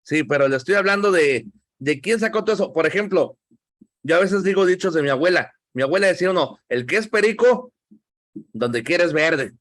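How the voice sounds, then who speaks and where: A man's voice: on the high side, lively intonation, fairly quick, a bit bright, no echo, studio quality. A man with a Mexican accent teaching a Bible class, talking conversationally and asking the class questions.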